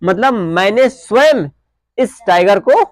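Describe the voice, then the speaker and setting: A man's voice: high voice, lively intonation. A male grammar teacher giving a classroom lesson who keeps asking questions and answering them himself, mixing Hindi and English. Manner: dictates definitions slowly word by word.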